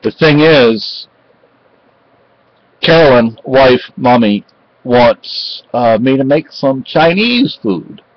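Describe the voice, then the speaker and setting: Through a close-range webcam, a middle-aged Spanish vlogger makes casual chat from a cluttered room at home, his mid-range voice showing lively intonation. He stumbles along with frequent pauses, fillers and restarts. The sound is lo-fi and dull, without any room sound.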